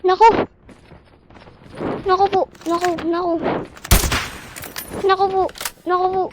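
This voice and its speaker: High-voiced gamer over loud gunfire. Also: flat delivery, slow pace, very noisy. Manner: chatty, repeats exclamations while playing. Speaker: gaming streamer. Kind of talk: casual gameplay commentary. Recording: loud game gunfire behind the voice.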